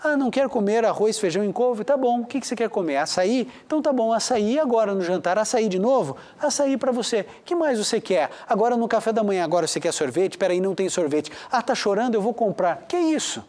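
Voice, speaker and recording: A man's voice: high voice, lively intonation, quick pace, hardly any pauses, a little mellow, voice pushed up. A Brazilian man mimicking an indulgent parent giving in to a spoiled child, in a mock-sweet, coaxing way.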